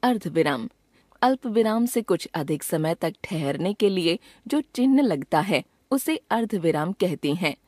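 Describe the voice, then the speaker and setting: Measured woman reading a textbook lesson. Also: on the low side, expressive, a little mellow, no room sound, studio quality. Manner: measured, reads each example sentence slowly. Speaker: grammar teacher. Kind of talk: scripted textbook narration.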